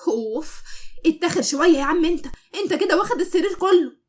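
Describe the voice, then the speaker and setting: A woman's voice: sits high, animated, very fast. A woman doing a fiery, jealous young Egyptian wife. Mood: teasing. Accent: Egyptian Arabic. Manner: loud, scolding bursts.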